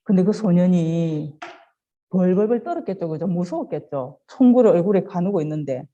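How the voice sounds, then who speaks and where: A woman giving an animated children's sermon, telling stories, asking the children questions and acting out quoted lines. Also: medium pitch, lo-fi sound. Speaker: children's ministry preacher.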